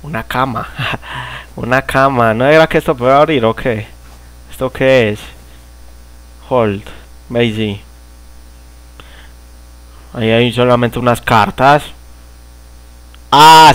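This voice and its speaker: A man's voice: mid-range voice, slow pace, pauses often, fairly bright tone. A young Colombian man with a Paisa accent, cursing and grumbling while he plays a horror game. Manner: cursing, shrieking and laughing in mock panic. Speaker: gamer. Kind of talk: angry let's-play commentary. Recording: game music behind the voice.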